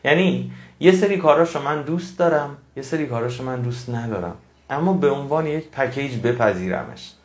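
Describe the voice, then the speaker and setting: A man's voice: medium pitch, lively intonation, reverberant. A man giving a motivational talk to his audience, earnest and preachy, repeating phrases for emphasis. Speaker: motivational speaker.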